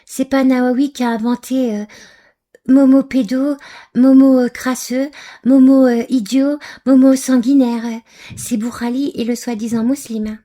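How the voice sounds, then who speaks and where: With a high-pitched yet dark voice, steady in tone and unhurried, an Algerian woman angrily comments on a video. Her reaction is scornful and insulting, broken up by many hesitations and fillers.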